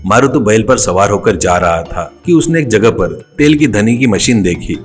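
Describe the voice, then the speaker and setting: A man's voice: fairly low pitch, animated, moderate pace, faint music behind. A man narrating a cartoon story in a plain storytelling voice.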